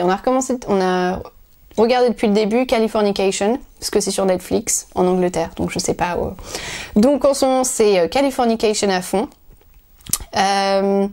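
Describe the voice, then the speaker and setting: A woman's voice: mid-range voice, darkish tone. Rambling woman hosting a knitting podcast. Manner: rambling, full of hesitations and restarts. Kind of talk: casual chat to viewers.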